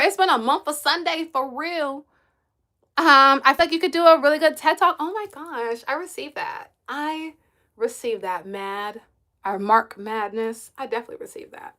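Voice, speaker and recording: A woman's voice: high-pitched, a bit bright. A woman hosting a casual live stream, chatting and laughing as she answers viewers' comments. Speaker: livestream host and kids' coach.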